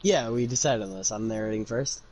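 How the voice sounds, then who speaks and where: Over a noisy crowd, a young man with a fairly low voice talks fairly quickly on his livestream. He's a fan fiction reader and narrator whose casual banter is jokey and self-mocking, teasing himself and others, and his amateur mic is noisy.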